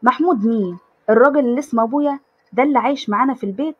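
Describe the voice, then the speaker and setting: A woman's voice: fairly high pitch, racing, slightly rough, lo-fi sound. A woman voicing a bossy, cheerful heroine. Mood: bossy teasing. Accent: Egyptian Arabic. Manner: teasing, bossy.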